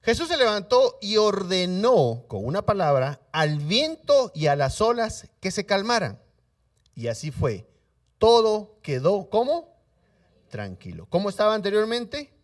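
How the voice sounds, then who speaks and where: A male pastor preaching a sermon, swinging between loud emphatic lines and hushed soft ones, and asking the congregation questions that he then answers himself. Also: sits high, big pitch swings, measured pace, recorded from a distance. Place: church sanctuary.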